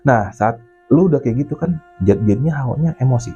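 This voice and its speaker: A man with telling a mountain ghost story in casual chat, animated and swearing, acting out the voices of the people in it. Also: medium pitch, brisk, breathy edge, dull audio, soft background music. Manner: animated, acts out his own and others' quoted lines; swears casually, keeps addressing the listener as Bang.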